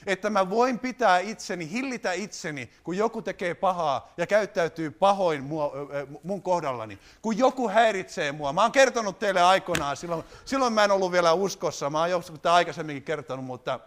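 Animated high-voiced male preacher. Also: few pauses. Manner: animated, rhetorical questions, addresses congregation. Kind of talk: sermon.

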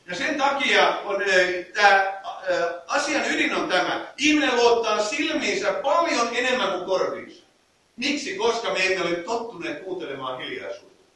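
Male preacher, high bright voice, scripture readings mixed with loose explanation, far off in an echoey room. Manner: reads scripture, then explains with fillers and restarts. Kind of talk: sermon. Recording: echoey room heard from a distance.

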